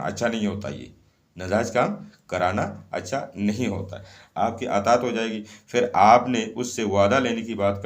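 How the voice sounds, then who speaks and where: A man explaining ritual instructions step by step in a casual spoken way, repeating each point and often checking in with "okay". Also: on the low side.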